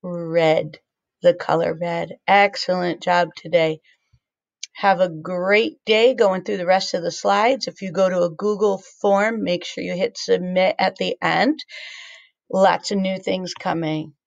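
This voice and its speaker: A woman teacher giving a recorded morning lesson to young children, with a slow, sing-song, encouraging delivery. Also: lowish voice, fairly even intonation, creaky, dry recording, muffled recording.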